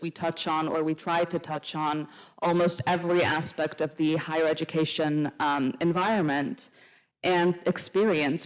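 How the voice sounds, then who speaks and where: A young woman from Iceland, a student council panelist, answering a panel question in a measured way and citing survey figures with frequent fillers. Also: low-pitched, poor audio.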